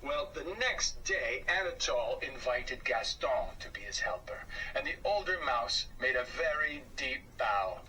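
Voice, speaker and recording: A storyteller reads a children's book aloud in a mid-range voice, taking his time, sounding expressive and sometimes dropping to a hush. He is picked up on a distant mic with faint background noise.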